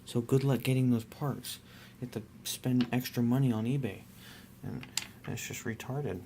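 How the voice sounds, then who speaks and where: A young man casually talking through his hobby work, rambling and relaxed with many fillers and restarts. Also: medium pitch, normal speed, vocal fry, noisy background. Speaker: miniature painter.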